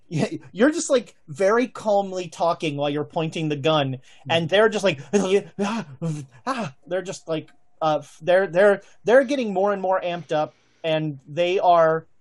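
A man improvising narration as game master of a tabletop game, thinking aloud in halting phrases. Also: sits high, animated.

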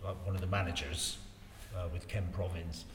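Casting: man in his 60s, lowish voice, rambling casual storyteller, recorded in a reverberant room with faint noise. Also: fairly even intonation. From Wiltshire, England. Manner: rambling, repeats phrases, halting. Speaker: interview guest in local politics. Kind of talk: casual life-story reminiscing. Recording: roomy reverberant space, faint background noise.

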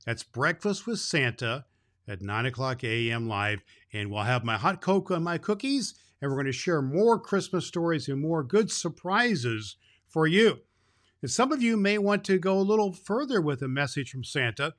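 Man acting as jolly old Santa, bright forceful voice, kindly, grandfatherly, folksy children's holiday show host. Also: on the high side, sing-song, moderate pace. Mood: cheerful, kindly. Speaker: host of a daily children's Christmas story show. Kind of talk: unscripted, folksy address to child listeners.

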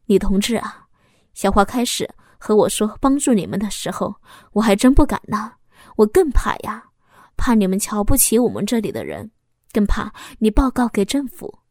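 Woman putting on a loud folksy village official. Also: medium pitch, very animated, moderate pace, dry recording, studio quality. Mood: coaxing. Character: older male village official, blunt and hearty.

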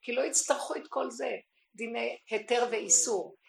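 A woman delivers a religious teaching with real passion. Her voice sits fairly high and has a gravelly edge, dropping to near-hushed asides and then rising to cries. The recording carries a roomy echo. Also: fairly even intonation. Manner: impassioned, swings from hushed to crying out. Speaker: spiritual teacher. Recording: echoey room recording.

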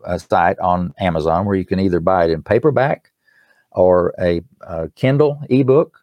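An older man with an East Tennessee accent talks in a fairly low voice. He explains things in an earnest, folksy way, like a guest chatting about his work. The sound is dry, with very little room. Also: moderate pace, a little mellow, no room sound. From East Tennessee, United States. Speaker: musician and author, interview guest. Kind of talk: conversational promotional talk.

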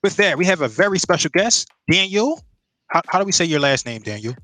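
A man's voice: on the high side, sing-song, a little fast, bright, forceful tone, no room sound, soft background music, rough recording. A man hosting a podcast, reading a scripted introduction and then asking questions, sometimes stumbling on words. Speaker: podcast host.

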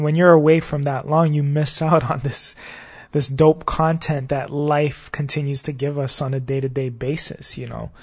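Rambling man hosting a solo podcast. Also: mid-range voice. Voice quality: slightly scratchy voice. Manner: rambling and reflective, often asking "you know what I mean?". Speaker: podcast host. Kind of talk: casual solo podcast monologue.

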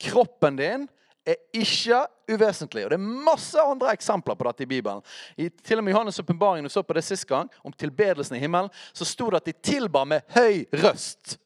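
High, lively-voiced preacher man. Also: dry recording, clean studio sound. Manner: talks straight to listeners, checks in with quick questions. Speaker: preacher teaching on worship. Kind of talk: conversational teaching sermon.

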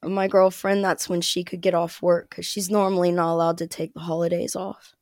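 A woman's voice: fairly low pitch, flat delivery, brisk, a little mellow, no echo, clean studio sound. A woman from the Midwest, chatting casually as a podcast guest and laughing as she tells stories. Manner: chatty, laughs often while telling stories. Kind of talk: casual chat.

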